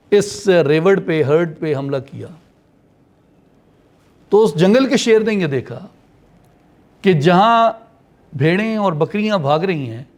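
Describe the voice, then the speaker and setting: A man's voice: high-pitched, darkish tone. A man from Punjab giving a lecture and telling a story, mixing English phrases into his speech.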